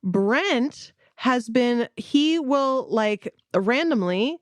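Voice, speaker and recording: A woman's voice: fairly high pitch, expressive, drawn-out words, no room sound. A woman in her thirties co-hosting a podcast, chatting in a rambling way and laughing often. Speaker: podcast co-host. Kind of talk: casual chat.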